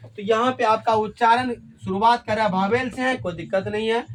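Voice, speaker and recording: High-voiced teacher quizzing a class. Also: male voice, fairly even intonation, a little fast, slight background noise. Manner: call-and-response questioning, repeats key words. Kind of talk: classroom grammar lesson.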